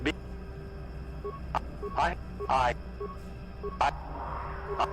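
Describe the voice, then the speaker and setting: A glitching ancient computer guardian. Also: male voice, mid-range voice, extremely slow. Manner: flat, formal machine diction. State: glitching, stuttering broken speech. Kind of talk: video game dialogue. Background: game music.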